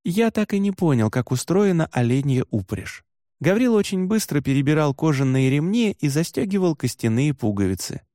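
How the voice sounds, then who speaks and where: A man reading a children's audiobook in first person, with an expressive, lively delivery. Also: a little high, brisk, no echo, clean studio sound. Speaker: audiobook narrator.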